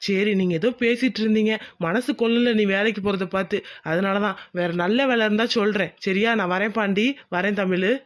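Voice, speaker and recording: High and quick, this is a man playing a chatty village buddy in a cartoon, chummy and full of praise for his friend. He talks in a rapid, friendly patter. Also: steady tone, fairly bright tone. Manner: chummy, admiring. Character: loyal young male village friend, chatty.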